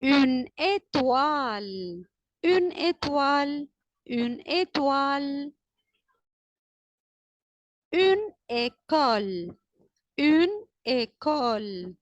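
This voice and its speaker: Recorded dry and lo-fi, this high, animated female voice belongs to a teacher with an Arabic-speaking accent. She guides a classroom through the alphabet with slow, drawn-out repetition of letters and words and plenty of praise.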